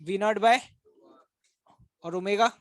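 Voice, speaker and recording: In a dry recording, a high-pitched male physics teacher gives a classroom lecture. He keeps quizzing students with rapid questions, teasing and coaxing them to make sure they keep up.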